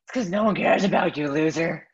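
A man's voice: fairly quick, highs cut off, a crowd in the background, lightly acted. A young man voicing a rude male assassin with a strained, damaged-sounding voice. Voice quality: strained, lowered voice.

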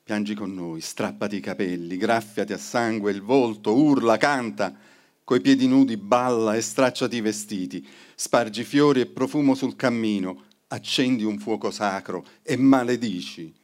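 Lower-voiced man chanting a poem refrain. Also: moderate pace. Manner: incantatory, repeated refrain. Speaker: poetry reader. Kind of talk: poetry recitation with chorus. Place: event hall.

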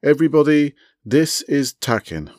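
A man's voice: on the low side, normal speed, no room sound, studio quality, close to an everyday voice. A man reading a short story aloud, voicing a pompous, formal male club host with courtly, commanding manners.

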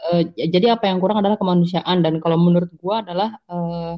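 Low-voiced woman hosting a podcast. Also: fairly even intonation, fast, highs cut off. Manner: questioning, hesitant fillers. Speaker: podcast host. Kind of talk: casual podcast interview.

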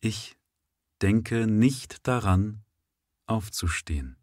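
A man voicing an exhausted young factory worker who speaks softly, calmly and without passion. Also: on the low side, very slow, no room sound, studio quality, exaggerated voice. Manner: calm, soft and passionless.

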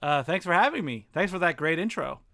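Brief: male guest from Canada, French first language, bright tense tone, wry and laughing. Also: a little high, lively intonation, vocal fry. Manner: self-deprecating, laughs often, quick asides. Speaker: podcast guest, filmmaker. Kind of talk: casual chat.

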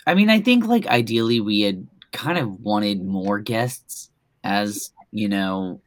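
A woman co-hosting a podcast chats casually, easygoing and agreeable. She has a bass voice that is expressive and slow, captured in a dry recording.

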